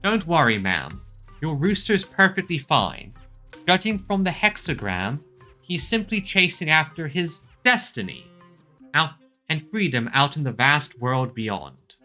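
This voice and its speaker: A man's voice: a little high, very animated, unhurried, bright, forceful tone, faint music behind, exaggerated voice. Man acting out a solemn young fortune teller. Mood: reassuring. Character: mystical young fortune teller, calm and theatrical. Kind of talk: video game dialogue read aloud in character.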